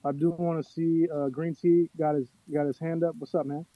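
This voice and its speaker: A man's voice: a little high, little pitch movement, normal speed, dry recording. A man speaking over a car Bluetooth headset while driving in the rain, chatting in a laid-back, loose way and swearing casually. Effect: muffled car Bluetooth headset mic. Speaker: project founder on a live audio chat. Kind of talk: casual chat.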